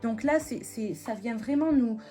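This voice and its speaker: A woman giving a weekly tarot and oracle card reading in a gentle spiritual tone, with many hesitations and restarts. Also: on the high side, a little slow, faint music behind.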